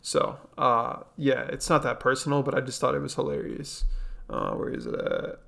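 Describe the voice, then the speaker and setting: A man's voice: mid-range voice, wildly swooping pitch, normal speed, gravelly, sharp tone. A young man hosting a reaction video, talking casually with lots of fillers and repeating himself. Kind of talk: casual commentary.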